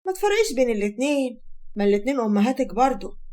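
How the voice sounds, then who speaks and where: A woman's voice: fairly high pitch, sing-song, very fast, warm tone. A woman doing a firm Egyptian husband. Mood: commanding. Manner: firm, commanding. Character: stern young husband, calm then domineering.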